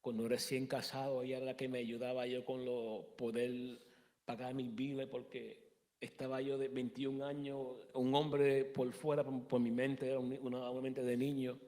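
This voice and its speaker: A man in his thirties giving a halting personal testimony in a church interview, often restarting and slipping in English words. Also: mid-range voice, flat delivery, mellow, big-room sound.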